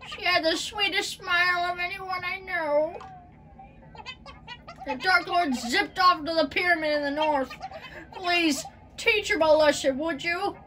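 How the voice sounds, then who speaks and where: Woman reading a fretful old townsman, unhurried. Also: extremely high pitch, noisy background. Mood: fretful pleading. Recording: far from the mic, game music.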